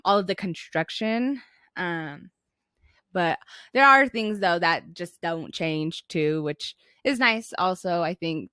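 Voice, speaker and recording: Young American woman, lowish voice, reflective chat. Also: fairly bright tone, no room sound, clean studio sound. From Flagstaff, Arizona, United States. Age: young adult. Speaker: podcast co-host.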